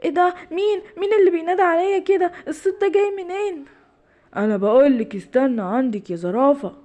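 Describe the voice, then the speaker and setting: A woman's voice: very high voice, quick pace, warm tone, pitched above the performer's own voice. A woman putting on a skittish cartoon giraffe lady. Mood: frightened. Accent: Egyptian Arabic. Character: gentle female giraffe, easily scared. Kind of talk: cartoon voice acting.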